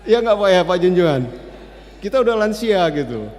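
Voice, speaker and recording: A man of about sixty giving church announcements in a relaxed, chatty way, with many hesitant fillers. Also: high-pitched, normal speed. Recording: long reverb of a church hall.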